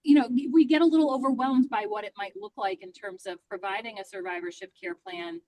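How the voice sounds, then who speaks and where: A woman's voice: on the high side, brisk, warm tone, dry recording, low-quality recording. A woman calling in on a car speakerphone while she drives, speaking in a casual, hesitant way with frequent ums and restarts. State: driving while talking. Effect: car speakerphone call. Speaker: caller from an advocacy organization. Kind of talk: casual chat. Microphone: phone speakerphone in a car.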